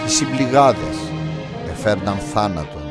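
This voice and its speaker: A man's voice: on the low side, lively intonation, natural voice. Man voicing Jason, solemn Pontic Greek hero-narrator. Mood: solemn, proud. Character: heroic Argonaut leader Jason recounting his voyage. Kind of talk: storybook cartoon narration. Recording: voice over continuous music.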